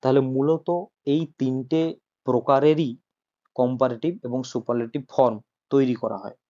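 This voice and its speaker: A man's voice: medium pitch, fairly even intonation, normal speed, warm tone, lo-fi sound. A man teaching a grammar lesson, explaining patiently, repeating points and checking that students follow.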